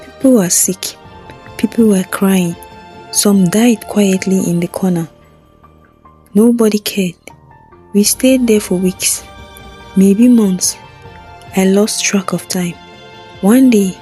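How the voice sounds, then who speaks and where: A woman narrating a scripted first-person story in a solemn, measured way. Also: mid-range voice, fairly even intonation, dark tone, faint music behind.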